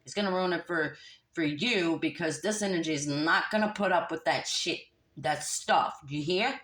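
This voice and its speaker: A woman's voice: lowish voice, normal speed. A woman giving a casual tarot reading, sassy and scolding, talking straight to the listener and laughing along. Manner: animated, laughs and hums disapproving "mm-mm-mm". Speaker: tarot reader.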